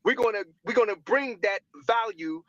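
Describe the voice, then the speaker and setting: A man's voice: sits high, lively intonation, normal speed, fairly bright tone, no echo. A man talking casually on a live stream, rambling, stumbling over words and tagging "right?" onto his points. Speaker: guest speaker. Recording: dull lo-fi audio.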